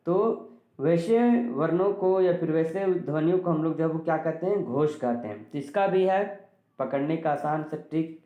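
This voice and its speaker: A man's voice: fairly high pitch, normal speed, reverberant, phone-quality sound. A male teacher giving an exam-prep grammar lesson, asking and answering his own questions with frequent "ठीक है".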